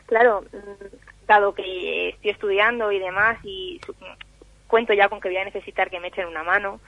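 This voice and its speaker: A woman's voice: mid-range voice, dry recording. A young woman in her twenties, a phone-in guest on a radio show, talking hesitantly with many fillers and restarts. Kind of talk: casual radio interview over the phone. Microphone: telephone. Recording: muffled phone line.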